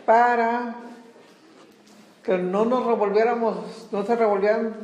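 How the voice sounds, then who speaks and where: A woman speaks up in a Bible study group. She talks slowly and pauses to find her words, and her voice is fairly high. A clear echo fills the room around her. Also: steady tone, a little mellow, a little hiss or hum. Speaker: class member. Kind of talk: group discussion. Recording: echoey room.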